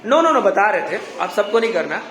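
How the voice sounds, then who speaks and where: A man's voice: sits high, very animated, fairly quick, music in the background. A male teacher giving a grammar lesson to a class, repeating questions and mildly scolding students who do not listen. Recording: echoey classroom with background noise.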